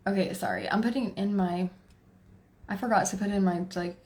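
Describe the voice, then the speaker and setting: A Texan woman in her forties hosts a live tarot stream and chats loosely with the people watching. She laughs easily, talks to herself and keeps stopping to answer the chat. Her voice sits at an ordinary middle pitch. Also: steady tone, brisk, darkish tone. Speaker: tarot reader livestream host. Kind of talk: casual livestream chat.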